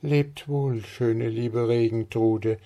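A man's voice: medium pitch, sing-song, unhurried, a little mellow, voice pushed up. A man voicing a spirited young village girl in a storybook reading. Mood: earnest.

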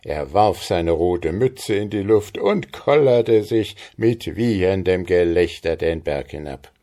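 A man narrating a fairy tale in measured, scripted audiobook storytelling. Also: low voice, expressive, mellow.

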